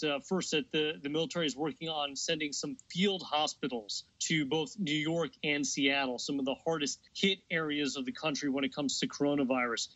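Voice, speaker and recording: A man's voice: fairly high pitch, bright, forceful tone, no echo, poor audio. A man national security correspondent reporting in a plain, conversational way, with a few fillers. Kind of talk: live news report.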